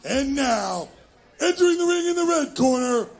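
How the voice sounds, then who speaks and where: A man working as ring announcer, calling the fighters into the ring with a booming, drawn-out delivery in a music venue. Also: animated. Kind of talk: boxing ring introductions.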